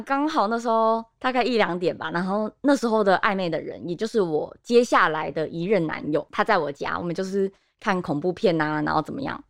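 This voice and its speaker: A young woman talks quickly through a personal story, full of run-on fillers and restarts. Her voice sits at an ordinary middle pitch. The recording is close and dry. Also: dry recording. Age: young adult. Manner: rambling, many run-on fillers. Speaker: podcast co-host. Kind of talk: casual storytelling chat.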